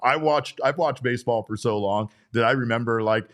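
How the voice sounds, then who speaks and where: A man's voice: medium pitch, brisk, a bit bright. A man in his forties hosting a casual sports talk show, rambling and breaking off his own sentences. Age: 40s. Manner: rambling, self-interrupting. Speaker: podcast host.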